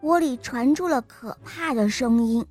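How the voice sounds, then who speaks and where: A woman telling a bedtime story to children in a warm, sing-song way. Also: on the high side, a little slow, dry recording. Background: faint music.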